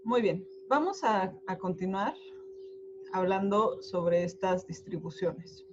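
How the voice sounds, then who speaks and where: A woman teacher speaks at a very slow, unhurried pace. The recording is dull and lo-fi, with a hum plainly heard behind her voice. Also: mid-range voice, lively intonation.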